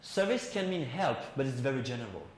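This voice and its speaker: A man's voice: medium pitch, lively intonation, moderate pace. A male English teacher talks his class through a lesson, explaining at length and tossing questions out to the students. The recording carries a roomy classroom echo with a faint hum of background noise.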